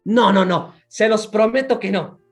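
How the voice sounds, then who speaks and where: Man plays a noisy uncle who yells everything, big and slow. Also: soft background music. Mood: loud. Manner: booming, loud. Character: loud uncle who shouts about everything.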